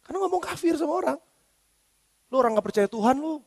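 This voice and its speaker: High-pitched pastor preaching in a hall. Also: male voice, fast. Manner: lively preaching, acts out quoted speech in slangy Jakarta style. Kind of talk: sermon. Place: church. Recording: reverberant church hall.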